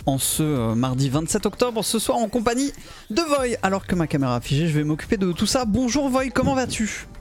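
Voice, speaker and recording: A man's voice: high voice, sing-song, fairly quick, soft background music. A man hosting a casual interview podcast, speaking in a chatty, teasing way. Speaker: podcast host.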